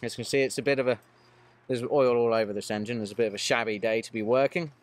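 Mechanic vlogger, man in his thirties, plain mid-pitched voice, matter-of-fact phone-camera talk. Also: fairly even intonation, quick pace. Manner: matter-of-fact, explanatory, frequent "uh" fillers. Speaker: mobile mechanic. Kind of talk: casual work vlog narration. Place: van cab and outdoors at a vehicle in rain. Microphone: phone camera held at arm's length.

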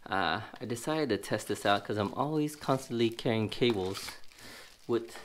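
With slight background noise, a tech reviewer speaks at medium pitch and normal speed, his voice stuffy and sniffly. He casually narrates an unboxing at an indoor table, rambling, using many fillers, and thinking aloud as he handles the box.

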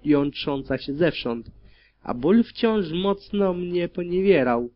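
A man narrating dark fan fiction in the first person as an audiobook, reading in a grim, steady manner. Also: high voice, takes it slowly. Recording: dull lo-fi recording.

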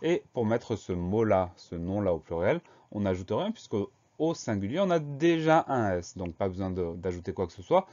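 A man's voice: lowish voice, very animated, normal speed, hardly any pauses, a little mellow, highs cut off. Patient man spelling words aloud. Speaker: teacher. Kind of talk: spelling lesson for children.

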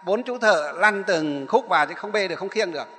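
Brief: high, bright monk telling a sermon story, rambling, hall echo. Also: male voice, expressive, a little fast, a little hiss or hum. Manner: rambling, repeats and corrects himself. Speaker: Buddhist monk, abbot. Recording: echoey hall.

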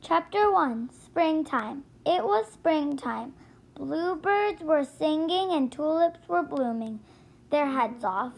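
A woman with a high voice reads a children's storybook aloud. She goes slowly and carefully, now and then catching a word and starting it again. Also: lively intonation, gravelly, low-quality recording. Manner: careful, with slips and restarts. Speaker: storybook reader. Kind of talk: reading a children's book aloud.

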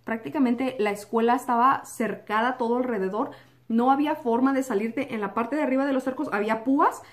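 A woman's voice: a little high, brisk. A young adult woman vlogger telling a personal story to camera, acting out quotes and sound effects and slipping in English words. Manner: animated, acts out quotes and sound effects like "pum"; drops English words into Spanish.

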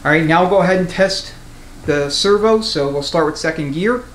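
His voice is a little high and a bit bright, and he talks fairly quickly while demonstrating hands-on mechanic work in a plain, conversational tone. The speaker is a transmission mechanic and instructor in an indoor garage workshop, recorded with echo and clear background noise.

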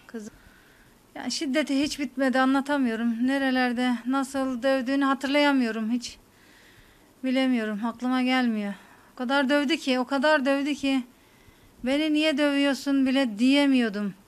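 A woman in her thirties from Turkey, giving a shaken, fearful testimony to a news camera in halting, repeating phrases. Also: on the high side. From Hatay, Turkey. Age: 30s. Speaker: interviewee.

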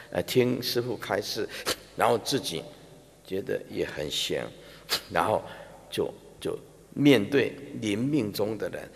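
Animated monk in echoing hall. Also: male voice, fairly low pitch, gravelly. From Taiwan. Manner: animated, demonstrative, slow and emphatic. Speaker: Buddhist monk teaching a dharma talk. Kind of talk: sermon. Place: large exhibition hall before a big audience. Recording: reverberant large hall.

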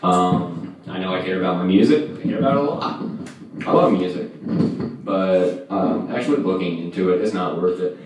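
Filmed from far away in an echoey small room at home, a young adult man holds a handheld microphone and delivers casual amateur stand-up. His low, darkish voice carries halting, meandering, self-deprecating jokes laced with vulgar profanity.

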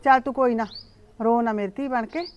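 A woman's voice: on the high side, fairly even intonation, fairly quick, lo-fi sound, a little hiss or hum, natural voice. A woman with a Punjabi accent playing a firm, scolding older village aunt who comforts her niece in a short drama. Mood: stern. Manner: scolding, reassuring.

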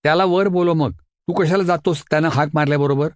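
A man's voice: a little high, fairly quick, dry recording, clean studio sound, voice pushed up, natural voice. Stern scolding mother, voiced by a man. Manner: sharp, scolding. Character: strict scolding mother of a schoolboy.

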